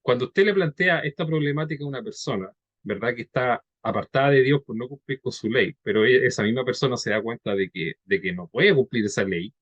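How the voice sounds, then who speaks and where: A man's voice: medium pitch, husky, dry recording, lo-fi sound. Man preaching in a dry, close sound. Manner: conversational teaching, frequent "¿ya?" and "¿verdad?" tags; reads scripture slowly and deliberately. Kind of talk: sermon.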